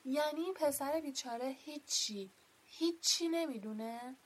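A woman reading as Hagrid, gruff giant. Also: sits high, noisy background, pitched above the performer's own voice, close to an everyday voice. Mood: indignant. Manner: loud, blunt, indignant. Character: huge gruff male gamekeeper, quick-tempered.

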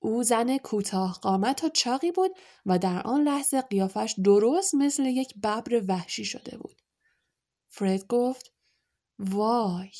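Mellow woman narrating a storybook. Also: a little high, lively intonation. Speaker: audiobook narrator.

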